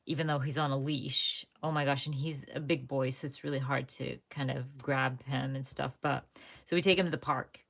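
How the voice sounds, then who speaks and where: A young woman with a low, deep-set voice talks casually to viewers while she crafts on a livestream. Her talk rambles and she keeps stopping to correct herself. It sounds like a relaxed live chat. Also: moderate pace, gravelly.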